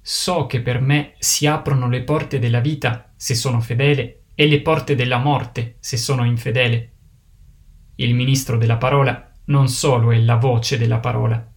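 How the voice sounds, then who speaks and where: A man delivers a sermon in a mid-range voice. His delivery is solemn and measured, each phrase set down with deliberate weight. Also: medium pitch, fairly even intonation. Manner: solemn, measured preaching cadence. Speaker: preacher.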